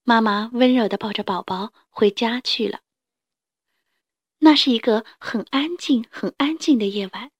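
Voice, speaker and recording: A woman storyteller reads a children's story aloud, gentle and expressive. Her voice is fairly high. The sound is dry and close. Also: no echo. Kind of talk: storybook reading.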